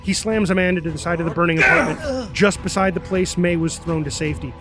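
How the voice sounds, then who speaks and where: Over background music, a man delivers punchy, present-tense narration and stage directions for a superhero action script, dropping in sound-effect words. He speaks fast, in a high-pitched voice.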